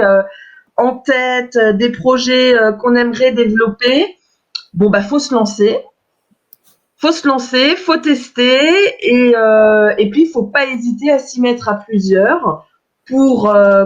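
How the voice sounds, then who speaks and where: A woman co-organizing a webinar, commenting on it in an enthusiastic, reflective way. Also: a little high. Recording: dull lo-fi video call audio.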